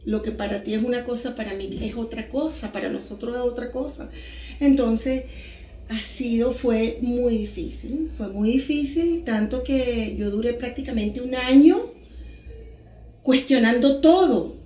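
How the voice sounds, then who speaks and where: A Venezuelan woman in her forties, a podcast guest telling her story in a lively, animated way with little sound words. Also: fairly high pitch, a little slow, roomy sound. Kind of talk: casual podcast interview.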